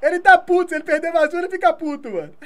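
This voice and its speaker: A Brazilian woman streaming a football video game, commenting live in an excitable, taunting way and swearing often. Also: very high-pitched, rapid-fire. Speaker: gaming streamer.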